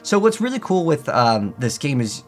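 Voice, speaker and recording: A man's voice: a little high, big pitch swings, normal speed. Guy doing chill gameplay commentary, chatty and rambly, game music going in the back. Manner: rambling, conversational. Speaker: gaming video host. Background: video game music.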